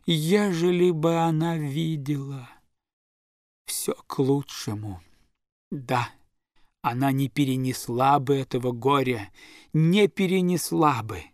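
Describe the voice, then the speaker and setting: An imperious old countess grandmother, pitched above the reader's own voice, as a man reads her lines. She drags out her words slowly and with cold command. The sound is dry and close. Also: big pitch swings, dry recording, exaggerated voice. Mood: tearful. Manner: slow, commanding, reproachful.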